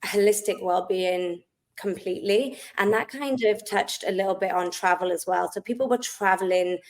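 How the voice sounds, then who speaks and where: A Welsh woman from South Wales speaks in a mid-range, somewhat dark voice at a moderate pace. She's the founder of a wellness business, appearing as a guest in a casual interview and chatting in a friendly way with lots of ums.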